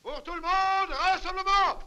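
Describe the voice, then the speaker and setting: A man's voice: extremely high pitch, expressive, a little slow, pushed and bright, dull audio, heavily acted. A man playing a commanding army drill sergeant in a dubbed adventure film, barking out orders.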